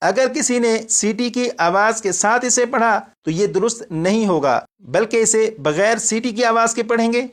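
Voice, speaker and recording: A man teaching a recorded recitation lesson. He explains each point twice and drags out each example letter three times, slowly and a bit louder. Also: sits high.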